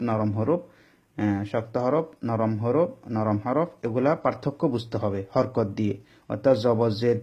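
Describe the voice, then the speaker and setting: A man with a Bangladeshi Bengali accent teaching Quran letter pronunciation, repeating syllables slowly and deliberately. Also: mid-range voice, warm tone, muffled recording. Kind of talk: slow instructional drilling of letter sounds.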